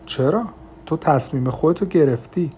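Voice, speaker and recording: A man voicing a calm, confident woman friend who talks gently and reassuringly in an audiobook. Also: fairly high pitch, slight background noise, lightly acted.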